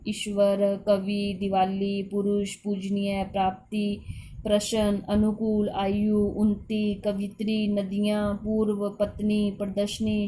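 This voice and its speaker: A woman's voice: medium pitch, warm tone, a little hiss or hum. A woman teacher giving a grammar lesson to schoolchildren, explaining patiently, repeating her points and speaking directly to the children.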